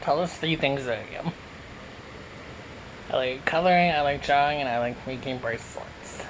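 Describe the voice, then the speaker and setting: Eating with his mouth full, a Canadian YouTuber answers viewer questions in a casual mukbang Q and A recorded on a phone. His medium-pitched voice moves at a moderate pace, and the audio is poor with slight background noise.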